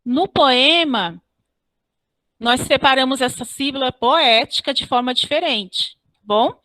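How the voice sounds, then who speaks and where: A woman teacher giving an online class. She explains step by step, spells out syllables slowly and keeps checking with "ok?". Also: high voice, animated, bright, forceful tone, no room sound. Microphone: computer mic on a video call.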